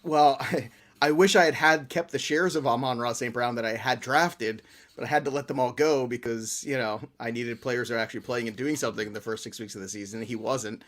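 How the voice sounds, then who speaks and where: A man's voice: medium pitch, brisk, a bit bright. A man who is a guest on a sports podcast, talking casually, joking and laughing often.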